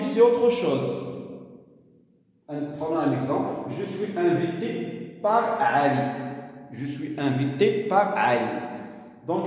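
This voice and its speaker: A Moroccan-accented man teaches children at a very slow, patient pace, repeating each key phrase. His voice is mellow and fairly high for a man. It sounds far from the mic in a very echoey room with a long reverb. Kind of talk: grammar lesson for children.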